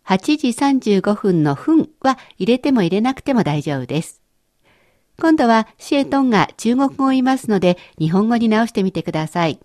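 A woman teaching a language lesson in a clear, encouraging way, explaining step by step. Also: fairly high pitch, sing-song, moderate pace, a little mellow, dry recording, clean studio sound.

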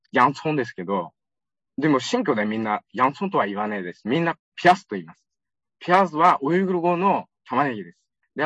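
A man from Xinjiang, China, giving a lively, conversational public lecture with frequent fillers. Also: medium pitch, husky, dry recording. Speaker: guest lecturer. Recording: dull lo-fi recording, dry.

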